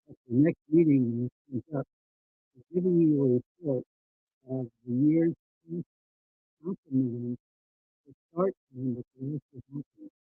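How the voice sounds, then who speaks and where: A man calling in to give public comment at a council meeting, heard over a crackly, staticky phone line that fades, talking in a halting way with scattered fillers. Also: medium pitch, slightly rough, dry recording. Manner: halting, with scattered fillers and jumps between points. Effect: crackly, staticky phone line that bumps and fades.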